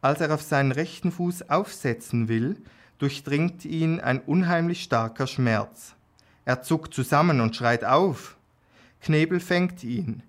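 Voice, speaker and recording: Slow, calm male storyteller. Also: mid-range voice. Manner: slow, calm reading with small slips and restarts. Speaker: narrator. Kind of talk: audiobook reading of an erotic story.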